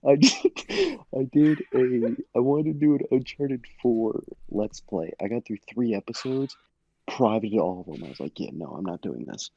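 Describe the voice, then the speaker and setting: A man's voice: medium pitch, warm tone, dull audio. A man on a casual podcast, rambling through his own stories and laughing often. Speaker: podcast guest.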